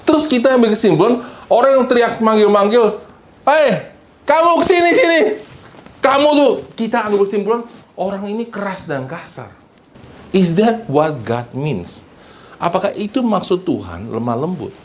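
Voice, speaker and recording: A man's voice: sits high, lively intonation, normal speed, reverberant, slight background noise, poor audio. A pastor preaching a sermon who mixes English phrases into his talk, asks his congregation for responses and acts out the people he quotes. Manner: acts out quoted people, sometimes loud and shouting. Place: church hall.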